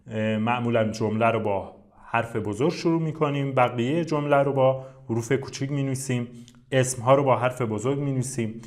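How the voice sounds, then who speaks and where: A man teaching English to beginners at a steady, patient pace. He spells out letters and vowel sounds one by one with plenty of short pauses. His voice sits at an ordinary male pitch. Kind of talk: Persian-language English lesson.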